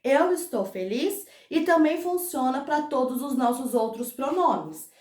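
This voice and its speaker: High-voiced Brazilian woman teaching English. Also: animated, a little mellow. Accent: Brazilian Portuguese. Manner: patient, drawn-out model phrases, diminutive reassurances. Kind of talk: classroom grammar lesson. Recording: echoey room.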